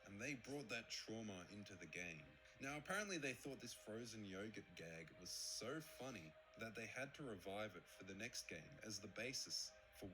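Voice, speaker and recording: A man's voice: on the low side, poor audio. A man narrating a scripted critique in a sarcastic, critical way. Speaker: video essayist.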